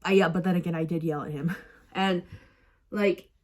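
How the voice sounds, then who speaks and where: A woman's voice: on the low side, fairly even intonation, normal speed, darkish tone. Rambling, self-mocking young woman vlogger. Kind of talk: casual storytelling vlog.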